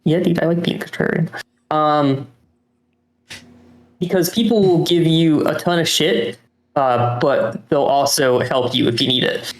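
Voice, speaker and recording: A man co-hosting a podcast, chatting casually in a hesitant, halting way. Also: fairly high pitch. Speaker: podcast co-host. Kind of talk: casual chat. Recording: echoey room sound.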